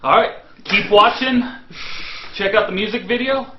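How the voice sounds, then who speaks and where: A man's voice: high voice, moderate pace, slight background noise. A man hosting a motorcycle channel, chatting in a joking, emphatic way. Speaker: show host. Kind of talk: casual chat. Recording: roomy, slightly dull sound.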